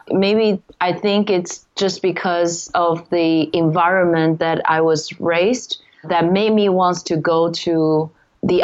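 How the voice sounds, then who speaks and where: Woman guest from Taiwan, second-language English, earnest and reflective, lowish voice, muffled lo-fi audio. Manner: earnest, reflective, non-native phrasing. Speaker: guest, entrepreneur. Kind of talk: interview answers. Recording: dull lo-fi audio.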